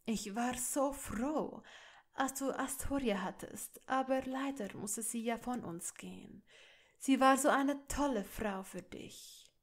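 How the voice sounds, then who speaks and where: A woman voicing a cold, haughty older male aristocrat in a fan fiction audiobook, loud and sneering. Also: a little high, slow pace, pitched above the performer's own voice.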